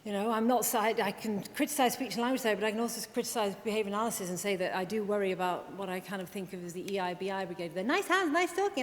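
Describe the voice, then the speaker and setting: A Welsh woman, a speech and language therapist, gives a chatty conference talk packed with quick asides and self-deprecating remarks. The recording comes from a reverberant hall with a faint rumble.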